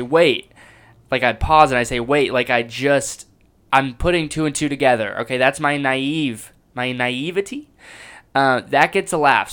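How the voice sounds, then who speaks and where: A comedian talking excitedly and reflectively as he breaks down his own stand-up set. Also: mid-range voice, clean tone. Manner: enthusiastic and self-reflective, with restarts.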